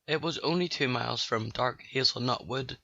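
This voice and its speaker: A man narrating a rhyming children's story in a steady sing-song. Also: mid-range voice, moderate pace, muffled recording.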